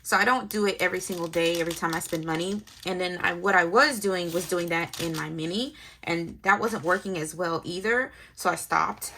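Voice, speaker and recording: A young woman talks through her planner setup in a casual, chatty way, half-muttering figures as she writes. Her fairly low voice has a gravelly edge, yet it sounds bright and forceful. Faint noise sits under the recording. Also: brisk, few pauses. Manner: chatty, thinks aloud while writing, mutters numbers to herself. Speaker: planner vlogger.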